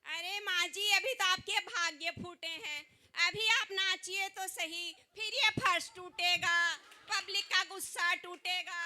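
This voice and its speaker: Woman as a playful young daughter-in-law, high and bright, slow. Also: steady tone, slight background noise, exaggerated voice. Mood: teasing. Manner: teasing, sings snatches. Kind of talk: amateur stage skit.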